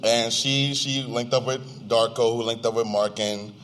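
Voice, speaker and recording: With a mid-range, fairly bright voice, steady in tone and at normal speed, the young Nigerian-American co-host chats informally, slang included, to a live audience. The podcast recording at the venue is slightly distorted.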